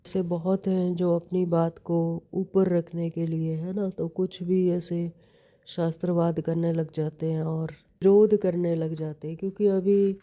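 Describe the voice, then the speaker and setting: A woman's voice: fairly low pitch, level tone, unhurried, mellow. A woman teaching a devotional sermon, explaining a scripture reading in a patient way, repeating key phrases and asking rhetorical questions.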